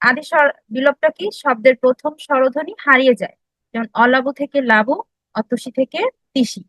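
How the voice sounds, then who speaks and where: A woman giving a classroom lecture, explaining step by step, asking her listeners questions and pausing often with filler sounds. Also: sits high, a bit bright, no echo, rough recording. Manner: explanatory, frequent filler sounds and restarts, asks the audience questions. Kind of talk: classroom lecture on language history.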